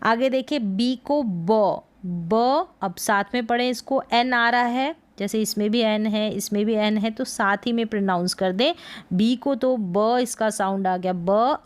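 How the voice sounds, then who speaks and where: A woman teaching English pronunciation in Hindi, sounding words out syllable by syllable in a slow spelling lesson. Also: on the high side.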